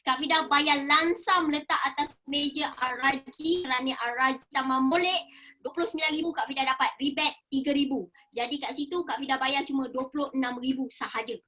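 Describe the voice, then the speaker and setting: A middle-aged woman with a Malaysian accent gives a casual coaching talk with a high, bright voice. She tells her story in a lively way and slips into the voices of the people she quotes. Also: fairly quick. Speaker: network marketing speaker.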